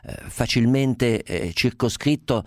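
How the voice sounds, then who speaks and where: A man's voice: mid-range voice, takes it slowly, darkish tone, dry recording, clean studio sound. A man hosting a radio phone-in show, wordy and ironic, with frequent fillers. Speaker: radio talk show host.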